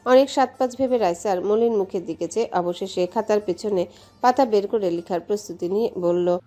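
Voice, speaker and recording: A woman from Bangladesh narrating a romance story in a steady, measured way. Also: mid-range voice. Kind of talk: audiobook story reading.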